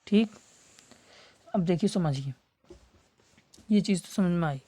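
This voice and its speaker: A male English teacher giving an exam-prep lesson with a warm, mellow tone. He spells words letter by letter, repeats the key terms, and draws words out slowly to make them stick. The sound is dry and close, with no room echo. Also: high voice. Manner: stretches words slowly for emphasis. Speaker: English teacher for competitive exams. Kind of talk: classroom lesson.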